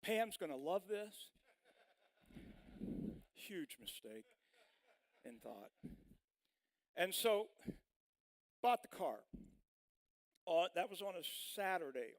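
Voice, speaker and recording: Folksy storytelling pastor, slightly high voice. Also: male voice, very animated, slow pace, long pauses, low-quality recording. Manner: folksy, rambling anecdote with many fillers. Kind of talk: storytelling sermon.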